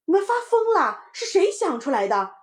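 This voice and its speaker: A woman voicing a patient mother in a storybook who scolds her child gently and calmly. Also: fairly low pitch, moderate pace. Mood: scolding.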